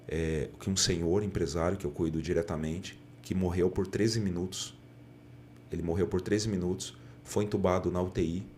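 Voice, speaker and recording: A middle-aged pastor, appearing as a podcast guest, earnestly tells his testimony in a deep, slightly mellow voice. He often acts out the dialogue he quotes, and a little hiss or hum can be heard.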